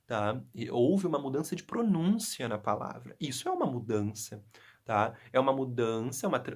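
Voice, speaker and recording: Male teacher, São Paulo interior accent, curled R, casual lesson delivery, keeps checking in with students. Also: medium pitch. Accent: São Paulo interior Brazilian Portuguese, retroflex R. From interior of São Paulo state, Brazil. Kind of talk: casual classroom explanation.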